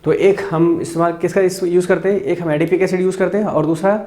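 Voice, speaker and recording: A man from India lectures on chemistry in a recorded class, with a somewhat high but mellow voice. He works through each step, asks his own questions and answers them. The sound is roomy and echoey. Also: steady tone. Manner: slows down and spells out formulas while writing. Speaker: chemistry teacher.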